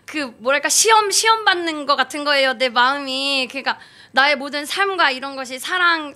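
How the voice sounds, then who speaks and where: At a church gathering, a woman in her 30s with a high, bright voice gives a rambling, spontaneous testimony as a church member. She restarts often, uses lots of fillers, and laughs frequently.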